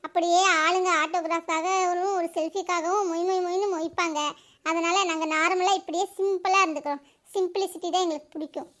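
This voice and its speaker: A woman doing a shrill gossiping village woman. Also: a bit bright. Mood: mocking. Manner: scolding, quick and mocking. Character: sharp-tongued gossiping village woman, adult. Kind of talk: cartoon voice acting.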